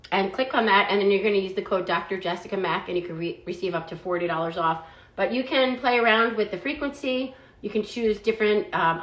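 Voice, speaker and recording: A woman's voice: medium pitch, fairly bright tone, highs cut off. Chatty woman in a roomy echo. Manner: chatty, fillers of "like" and "um". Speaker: food product reviewer. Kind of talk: casual product review vlog.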